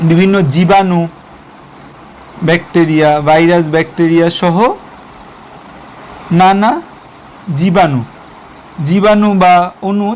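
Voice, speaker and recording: A man's voice: fairly high pitch, darkish tone, slight background noise. A young man teaching a biology lesson online, asking questions and answering them himself, mixing in English terms. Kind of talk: online lecture.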